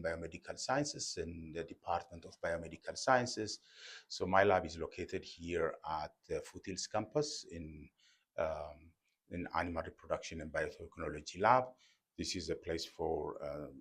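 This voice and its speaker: In a low, slightly breathy voice, a middle-aged man from Ethiopia talks through his embryo research for an interviewer. As a professor he chooses his words with care, often pausing, repeating himself and leaning on fillers.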